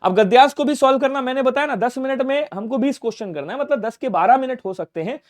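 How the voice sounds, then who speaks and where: A high-pitched male teacher drilling exam grammar questions at a brisk clip. He asks each question and answers it himself in the same breath, and he drops his voice low for quick reminders. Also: animated. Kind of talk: exam-prep grammar lesson.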